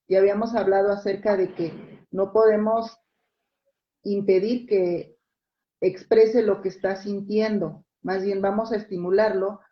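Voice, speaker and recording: Calm woman expert in a roomy recording. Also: mid-range voice, a little slow. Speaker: psychologist guest. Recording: dull, roomy lo-fi sound.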